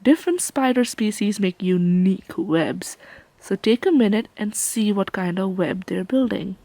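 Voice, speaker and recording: A woman giving playful, measured educational narration for children as a nature presenter. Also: medium pitch, warm tone, no room sound.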